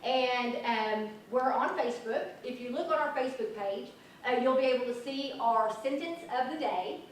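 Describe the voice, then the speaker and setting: A woman's voice: on the high side, moderate pace. A woman in her late forties giving a chatty, enthusiastic conference presentation about a youth prevention program. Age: 40s. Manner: chatty, self-deprecating, enthusiastic. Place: conference room. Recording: echoey hall from far off, faint noise.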